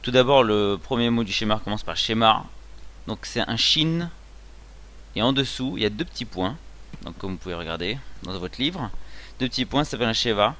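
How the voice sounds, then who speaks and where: A man giving a spoken lesson on reading a Hebrew prayer, explaining patiently with many fillers and sounding words out slowly. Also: on the low side, animated, bright, forceful tone.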